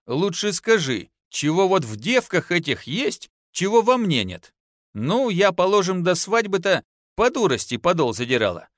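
A man's voice: high-pitched, big pitch swings, normal speed, no room sound, clean studio sound, voice pushed up. A man voicing a teasing peasant wife. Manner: folksy, scolding, playful. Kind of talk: audiobook narration.

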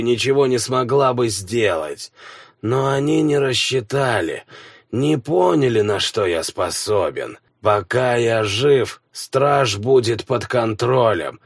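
A man voicing a dying old male warlock, a village elder who speaks in slow, wheezing, strained phrases. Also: mid-range voice, vocal fry, husky, dry recording, studio quality. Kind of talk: audiobook character voice.

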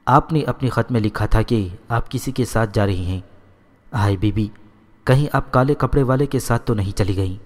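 A man reading a devoted house maid, low and echoing. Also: natural voice. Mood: devoted, pleading. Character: devoted simple-hearted female house maid.

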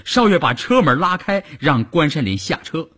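A man narrating a story for a storytelling broadcast in a slow, expressive way. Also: a little high, slightly rough.

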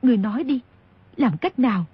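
Woman playing a tearful tender mother, husky, fairly high, lo-fi audiobook. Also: animated, a little fast, no echo. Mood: pleading. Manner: soft, pleading and emotional. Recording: dull lo-fi audio.

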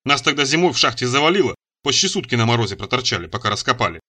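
A meek, artless servant, a burly former miner as a male audiobook reader puts him on, mumbling his simple answers in a bright voice with plenty of rise and fall. He sounds timid and good-natured. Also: mid-range voice, big pitch swings, rapid-fire.

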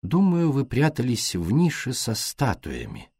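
A man voicing a shrewd, courteous foreign male detective in an audiobook, talking slowly, softly and deliberately. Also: mid-range voice, huge pitch swings, husky, no room sound, clean studio sound, exaggerated voice. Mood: probing. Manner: slow, soft, deliberate.

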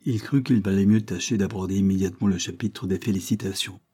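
Husky low-voiced male narrator. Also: fairly even intonation, quick pace, dark tone. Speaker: audiobook narrator. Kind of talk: scripted narration.

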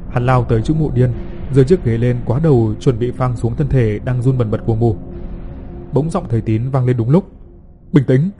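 A man reading a folk horror story aloud in a measured, dramatic storytelling manner. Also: mid-range voice, mellow. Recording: faint music underneath.

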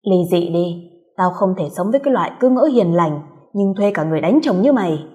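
A woman acts out a violent young husband, loud and contemptuous, spitting every insult with scorn. His voice rings out with a long echo, as in a large hall, at an ordinary pitch for her. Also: expressive, a little fast, close to an everyday voice. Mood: contemptuous rage. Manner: shouting insults, harsh and scornful.

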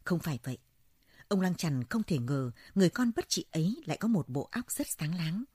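A woman narrating a folk story in a measured, dramatic way. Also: on the low side, sing-song, darkish tone, breathy edge, no echo.

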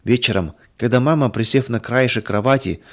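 A man reading a children's story aloud in a calm, even storytelling manner. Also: mid-range voice, brisk. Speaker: reader of children's stories. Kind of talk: scripted storybook narration.

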